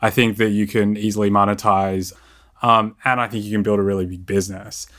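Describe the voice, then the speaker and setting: A man investor questioning founders and thinking out loud about the business. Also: fairly low pitch, little pitch movement, a little fast. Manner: thoughtful, reasoning aloud. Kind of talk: business pitch discussion.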